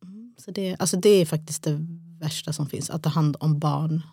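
Young woman, low voice, dry close mic; casual podcast co-host, animated storyteller. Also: breathy edge, no room sound. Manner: chatty, animated retelling. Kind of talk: casual chat.

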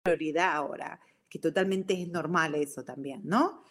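A woman's voice: sits low, moderate pace. A middle-aged woman with a Rioplatense Spanish accent, a mother giving casual parenting advice, who tells her story with animation, drops in English words and keeps asking "ok?".

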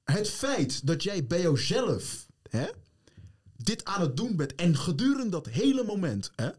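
A man's voice: sits high, very animated, unhurried, breathy edge. A man co-hosting a casual podcast, talking emphatically and often switching into English phrases. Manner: mixes English into his talk, emphatic and heated. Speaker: podcast co-host.

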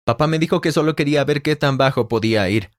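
A man narrating a first-person story in a plain, brisk storytelling manner. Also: a little high, no echo, clean studio sound. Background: soft music.

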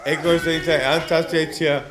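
A man's voice: a little high, flat delivery, fairly quick, background noise. A young man watching friends play a fighting game, chiming in with joking asides. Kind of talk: casual gaming banter. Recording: loud game music in background.

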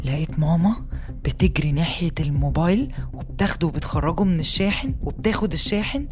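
An actress plays a young Egyptian woman in her twenties telling her own hard story, her Egyptian Arabic quick and earnest. The words tumble out at a fast clip in an intimate, scripted podcast narration. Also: sits low, darkish tone, faint music behind, close to an everyday voice. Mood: agitated. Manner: earnest and intimate storytelling, rising to agitation in retold fights. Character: young woman recounting a harsh mother, earnest, hurt. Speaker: voice actor reading a personal testimony.

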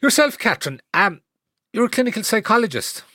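A man's voice: high voice, sing-song, a little fast, pushed and bright, no room sound, studio quality. A man conducting a conversational interview.

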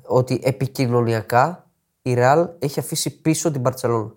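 A man's voice: medium pitch, a little mellow. Insistent man giving football betting tips. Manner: insistent, keeps pressing his point. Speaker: podcast co-host.

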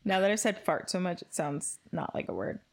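A woman's voice: fairly low pitch, sing-song, a little fast. A young woman co-hosting a casual true-crime podcast, joking as she tells the story. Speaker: podcast co-host.

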